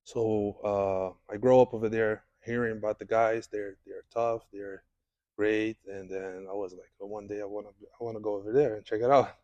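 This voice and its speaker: A man from Brazil speaks English, his voice low-pitched and warm. He feels his way through each answer, doubling back on words and filling pauses. The studio sound is dry and close. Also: flat delivery, no room sound, dull audio. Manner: halting, many restarts and fillers, non-native English. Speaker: jiu-jitsu head instructor, guest. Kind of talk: interview answers. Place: podcast studio.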